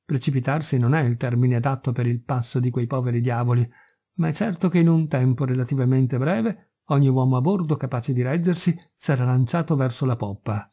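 A man reading a literary novel aloud as an audiobook, in a measured, dramatic storytelling manner. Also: medium pitch, mellow. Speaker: audiobook reader.

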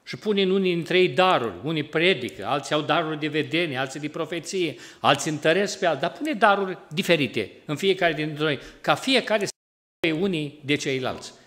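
Animated preacher man with a Romanian accent. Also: fairly high pitch. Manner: lively, rising loud when driving a point home; acts out everyday quarrels in a colloquial voice. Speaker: pastor. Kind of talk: sermon. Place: church hall.

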